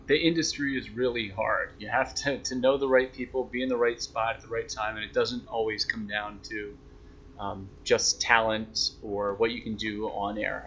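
A young man with a fairly low, bright voice and some vocal fry answers interview questions as a sports broadcaster, sounding reflective, conversational and self-deprecating. The recording is dull and lo-fi, with a noisy background.

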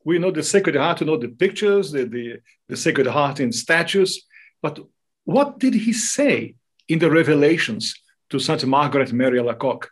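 Explaining devotional matters as an interview guest, a man from Brazil speaks with the accent of his native Portuguese. His voice is on the high side, sing-song and slightly rough, at a normal speed.

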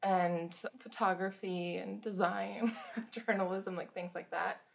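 Gravelly-voiced woman guest telling stories. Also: mid-range voice, steady tone, slow. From Germany. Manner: chatty, laughs between anecdotes. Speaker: guest author. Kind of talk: casual storytelling.

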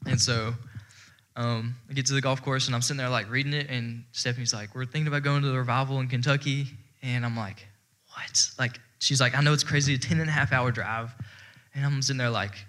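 A man's voice: medium pitch, steady tone, fast talker, a bit bright. Heartfelt young man testifying. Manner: rambling and heartfelt, heavy with fillers, breaks into laughter. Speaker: church speaker giving testimony. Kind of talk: personal testimony to a congregation.

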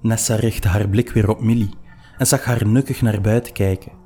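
Warm-voiced male storyteller. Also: lowish voice, normal speed. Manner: calm, even storytelling. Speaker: narrator. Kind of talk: scripted storybook narration.

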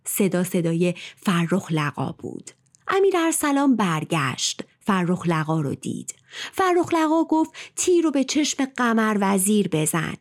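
Animated woman telling an old tale. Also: fairly low pitch. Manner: animated, dramatic, drops into whispers. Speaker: storyteller. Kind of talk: storytelling narration.

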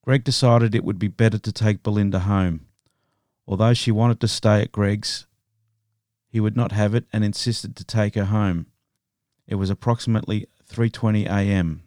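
Low-voiced man narrating true crime. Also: no echo, clean studio sound. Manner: steady, measured storytelling. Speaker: podcast host.

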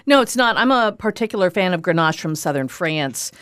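Enthusiastic woman co-host, lowish voice. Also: animated, fairly quick, no room sound, clean studio sound. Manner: enthusiastic, warm-hearted, conversational. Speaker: wine podcast co-host. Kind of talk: casual chat.

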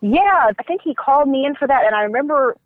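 A woman's voice: high voice, expressive, quick pace, dry recording. A woman actress and dancer talking in a chatty, effusive way as a guest in a phone interview. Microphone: telephone. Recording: tinny dry phone line.

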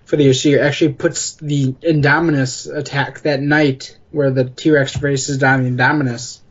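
A man's voice: medium pitch, level tone, moderate pace, dull audio. A man co-hosting a casual film podcast, speaking tentatively and hedging his points. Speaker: podcast co-host.

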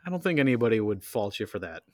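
A man's voice: on the low side, big pitch swings, fast, dry recording, studio quality. An American man co-hosting a casual podcast, chiming in laid-back. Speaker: podcast co-host. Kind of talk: casual chat.

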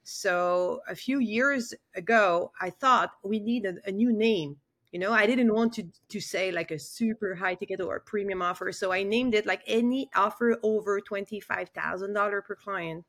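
A woman being interviewed as a podcast guest, explaining her business in a measured way over a remote call. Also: mid-range voice, fairly bright tone. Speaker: guest, business offer specialist. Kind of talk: interview answers. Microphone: remote call recording.

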